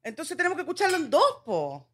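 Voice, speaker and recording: A middle-aged woman with a Chilean accent, co-hosting a podcast in casual chat, talking fast and laughing often. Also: sits high, wildly swooping pitch, fairly bright tone, slight background noise. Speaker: podcast co-host.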